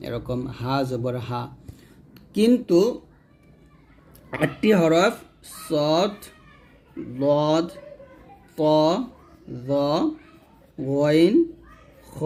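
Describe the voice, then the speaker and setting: A man's voice: fairly high pitch, a little mellow. A man teaching Quran reading step by step. He spells out each letter and vowel mark, then asks viewers to read along after him. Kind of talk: slow step-by-step recitation lesson.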